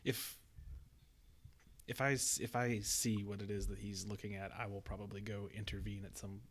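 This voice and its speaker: A man's voice: lowish voice, level tone, moderate pace. A man player in a tabletop game, asking questions tentatively with many restarts. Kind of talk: casual tabletop play.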